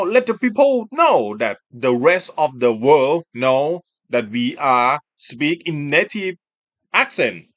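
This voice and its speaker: A man chatting casually as a video host, giving his opinions in a halting, emphatic, repetitive way. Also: medium pitch, fairly bright tone, dry recording. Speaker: host of a self-recorded video.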